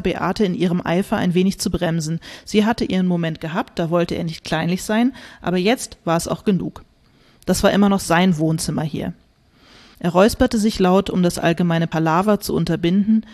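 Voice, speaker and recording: A woman's voice: on the low side, darkish tone. Woman reading her own novel. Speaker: author.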